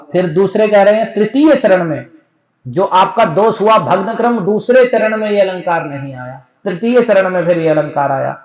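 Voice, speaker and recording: A man teaching a scripture discourse, explaining step by step and chanting verses slowly. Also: high voice. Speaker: spiritual teacher. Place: temple hall. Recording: echoey, dull lo-fi recording.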